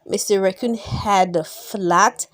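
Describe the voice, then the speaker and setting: Reading children's bedtime stories aloud, a woman with a mid-range voice and no echo gives an expressive performance. She lingers on key words, lets out gasps and sighs, and puts questions to young listeners.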